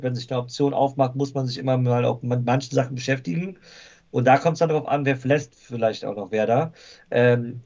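A man's voice: mid-range voice, darkish tone, muffled recording. A man talking football casually as a guest fan, thoughtful and hesitant with frequent fillers.

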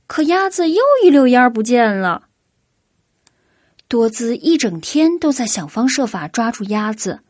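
A woman reads a children's picture book aloud, slow and unhurried. Her voice is fairly high and gentle. The recording is close and dry. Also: no room sound. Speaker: storyteller. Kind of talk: children's storybook reading.

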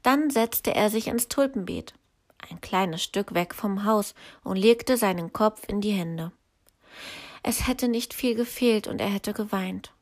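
A woman reads a children's story aloud in an unhurried, steady way, in a voice of middling pitch. Her telling is calm and measured, as if leaving time for young listeners to follow along. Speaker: teacher.

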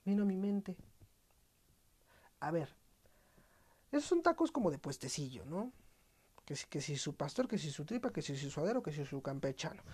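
A man's voice: a little high, big pitch swings, moderate pace, pauses often, a little mellow, breathy edge. A man with a central Mexican accent hosting a podcast as a casual monologue, slangy and profane, with playful mock-dramatic outbursts. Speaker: podcast host.

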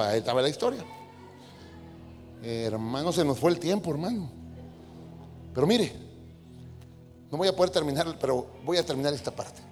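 A man with a high, bright-sounding voice preaches a lively sermon, acting out the people he quotes. His voice rings with a long hall reverb, with soft music underneath. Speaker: pastor.

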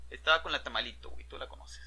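A man's voice: mid-range voice, rapid-fire, bright, forceful tone, slightly rough. A young man with a Mexican accent telling a personal story in a casual, profane chat, dropping slang fillers constantly. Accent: Mexican Spanish. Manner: profane, slangy, tags nearly every phrase with a filler.

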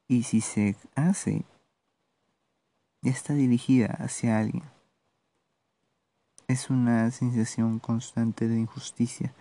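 A man with a very dark, mellow voice and a Peruvian accent delivers a solo commentary as a podcast host. He speaks slowly, in a measured and sardonic manner, often pausing as he goes. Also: medium pitch. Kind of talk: solo political commentary monologue.

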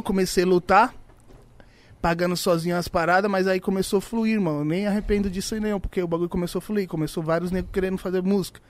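A man's voice: sits high, no room sound. A man from the São funk scene, telling stories in casual slang and acting out the dialogue. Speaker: funk music producer. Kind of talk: casual podcast storytelling.

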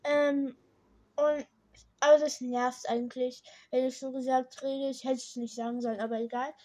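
A woman's voice: sits high, level tone, moderate pace, warm tone. A young teenage girl hosting a casual solo podcast, rambling in slangy, self-correcting speech slightly slurred by her braces. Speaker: podcast host.

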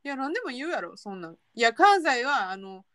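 A young woman speaking with a strong Kansai accent, in a lively, casual conversational style. Her voice sits a little high, and she acts out quoted remarks as she goes. The recording is dry and close. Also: a little fast, no echo. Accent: Kansai Japanese. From Kansai, Japan. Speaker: podcast co-host. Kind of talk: casual chat.

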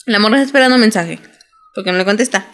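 A young adult woman with a Mexican Spanish accent, recapping a TV drama in casual, slangy, animated chat as a podcast co-host. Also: medium pitch, rapid-fire. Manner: slangy, animated storytelling with quoted voices.

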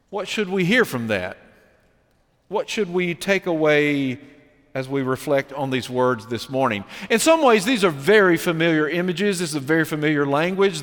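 Pastor preaching in a reverberant sanctuary. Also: male voice, medium pitch. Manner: emphatic preaching with slow, weighty scripture reading. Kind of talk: sermon. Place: church sanctuary. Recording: long reverb of a church sanctuary.

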